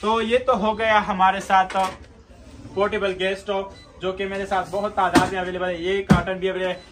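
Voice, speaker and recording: A man's voice: sits high, little pitch movement, normal speed, heavy background noise. A young man selling and demonstrating a portable gas stove in his shop, talking in a casual salesy way and repeating "theek hai" to close each point. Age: young adult. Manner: salesy, says "theek hai" after nearly every point. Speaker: shop seller demonstrating products. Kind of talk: casual product demo. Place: indoor electronics shop storeroom.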